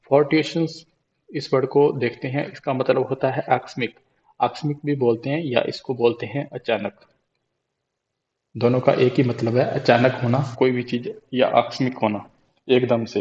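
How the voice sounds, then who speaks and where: A man with an Indian accent teaching a vocabulary lesson, repeating mnemonic phrases slowly to drill them in. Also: medium pitch, a little mellow, lo-fi sound. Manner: slow repetitive drilling of mnemonics.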